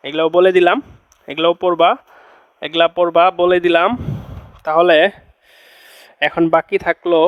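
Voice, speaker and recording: A man's voice: fairly high pitch, little pitch movement, normal speed, pauses often, dry recording, narrow, tinny audio. A young man teaching a chemistry class to exam students, repeating each phrase two or three times and often checking in with them. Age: young adult. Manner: coaxing, checks in with "okay?" and "see". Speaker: admission-test tutor.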